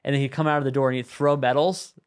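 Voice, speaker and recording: A man co-hosting a podcast, telling stories in a casual, animated way. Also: medium pitch, fast talker, clean tone. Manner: animated storyteller, chuckles through anecdotes. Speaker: podcast co-host.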